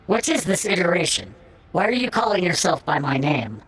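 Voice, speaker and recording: An actor playing a stern, formal cyborg tech-priest in a video game, with a raspy voice. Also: male voice, sits high, big pitch swings, moderate pace, fairly bright tone, faint music behind, heavily acted, poor audio. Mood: demanding. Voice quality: raspy, gravelly. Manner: formal, commanding. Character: stern rasping cyborg tech-priest, demanding, older man.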